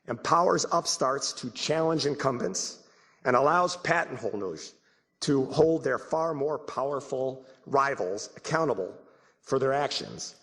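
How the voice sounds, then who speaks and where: An American man delivers prepared opening remarks as the host of a conference. His voice is husky, as he is getting over the flu. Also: medium pitch, a bit bright. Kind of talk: prepared welcome speech.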